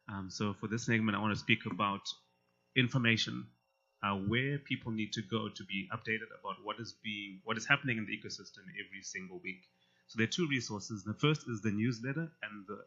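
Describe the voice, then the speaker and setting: A man emceeing a student pitch competition in a casual way, with many fillers between announcements. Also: a little fast, bright, forceful tone, slightly rough. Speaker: event emcee. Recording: slightly muffled event audio.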